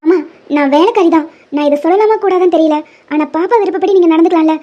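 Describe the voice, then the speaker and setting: A woman voicing a humble, caring housemaid in a Tamil cartoon, speaking respectfully and pleading gently. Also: extremely high pitch, fast talker, dull audio.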